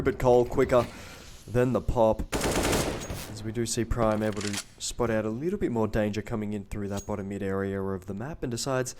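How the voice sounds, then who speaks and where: A man giving play-by-play commentary on a competitive shooter match, quick and jokey with banter. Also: lowish voice, background noise. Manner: jokey, banters with a co-caster off mic. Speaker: esports caster.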